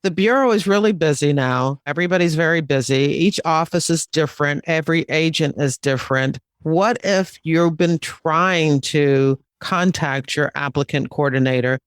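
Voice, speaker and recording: A man's voice: a little high, moderate pace, few pauses, clear, resonant tone, no echo. A man hosting a podcast, reading out listener questions and setting up answers. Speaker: podcast host.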